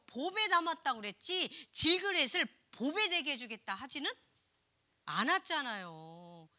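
A woman, a pastor's wife, preaching a sermon in an animated, playful way, with laughing asides and sudden drops to a hush. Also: high voice.

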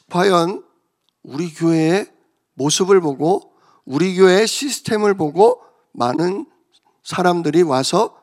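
A man pastor preaching an emotional, confessional sermon that builds in intensity. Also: high-pitched.

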